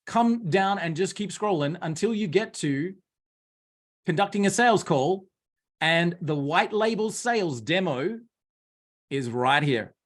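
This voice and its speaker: A man's voice: sits high, lively intonation, a little slow. A man with an Australian accent hosting a live webinar. He talks while sharing his screen and directs viewers through next steps like a coach. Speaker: host.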